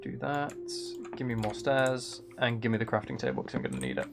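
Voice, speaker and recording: With music playing behind him, a livestream host talks fairly quickly in a medium-pitched voice full of big pitch swings. His casual gaming chat meanders as he questions himself, accompanied by keyboard clicks and clear background noise.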